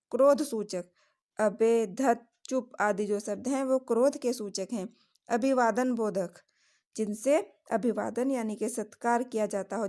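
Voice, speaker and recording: Slow, higher-voiced woman teacher. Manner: slow, steady explaining with examples. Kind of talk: Hindi grammar lesson.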